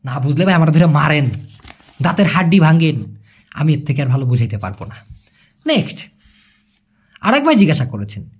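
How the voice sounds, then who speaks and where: Animated husky man teaching a language. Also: on the high side, fairly quick, long pauses. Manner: chatty and animated, jokes in colloquial asides. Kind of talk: casual video lesson.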